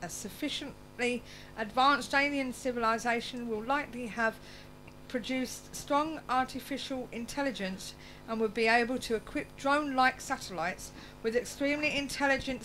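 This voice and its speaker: Bright, slightly slurring woman radio host. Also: on the high side, moderate pace, low-quality recording. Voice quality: slightly slurred speech, as with loose dentures. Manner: stumbles over words when reading. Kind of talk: reading a script aloud with chatty asides. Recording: clear background noise and hum.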